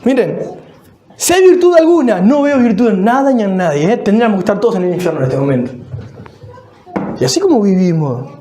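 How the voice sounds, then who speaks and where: Male pastor, Rioplatense accent, warm dark tone, emphatic sermon full of rhetorical questions, big church reverb. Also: high voice, very animated, a little fast, long pauses. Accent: Rioplatense Spanish. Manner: emphatic, repetitive, asks the congregation rhetorical questions. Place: church sanctuary. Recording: echoey church hall.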